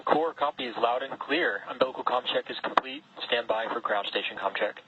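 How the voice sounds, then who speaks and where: A man at mission control making procedural, measured astronaut radio calls over a radio link. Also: mid-range voice. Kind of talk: astronaut radio communication checks. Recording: muffled radio with clear noise.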